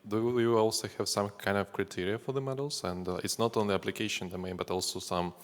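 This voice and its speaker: A man's voice: fairly low pitch, steady tone, quick pace. A man asking a spontaneous audience question, piecing it together hesitantly, recorded in a reverberant hall. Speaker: audience member, data scientist. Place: large hall at a live event.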